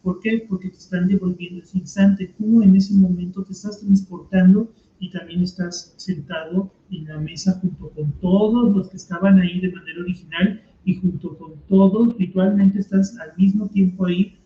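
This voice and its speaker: A man lectures in an easy, conversational way, asking and answering his own questions as he teaches. His voice sits high for a man. The sound is roomy and somewhat dull, like a lo-fi recording. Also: fairly even intonation, normal speed, few pauses. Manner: conversational, frequent rhetorical questions. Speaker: teacher leading a commented reading. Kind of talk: explanatory lecture.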